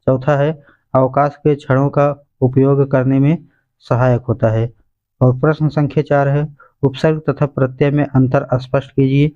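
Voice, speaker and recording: A man's voice: medium pitch, warm tone, highs cut off. A male teacher going through exam questions and answers point by point, calling his listeners friends. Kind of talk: exam revision lesson.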